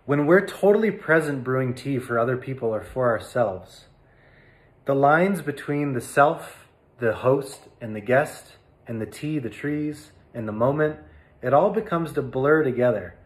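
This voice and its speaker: A man giving a reflective talk as a tea teacher, speaking slowly and thoughtfully, with pauses and fillers. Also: mid-range voice, expressive.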